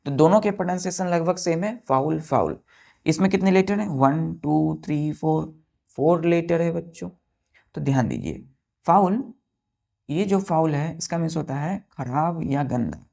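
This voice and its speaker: A woman's voice: sits low, expressive, moderate pace, vocal fry, mellow. A woman teaching a vocabulary class, spelling words letter by letter, asking the class questions and answering them herself.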